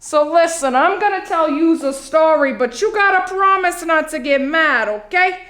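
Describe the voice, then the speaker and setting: In a comic theatrical monologue, a woman plays a middle-aged Long Island housewife, confiding playfully in a nervous, candid, rambling way full of hesitant asides. Her high voice is a bit bright and moderately paced, in an echoey room.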